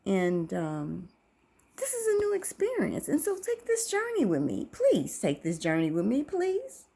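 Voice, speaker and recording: A woman in her fifties talks to her viewers in a slow, unhurried ramble. Her voice is husky and breathy, and her pitch swoops up and down a lot. She muses about faith and life as she wanders from thought to thought. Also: wildly swooping pitch, warm tone. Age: 50s. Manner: talkative, wandering, faith-centered, musing. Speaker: vlogger, channel host. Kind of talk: casual rambling monologue to camera.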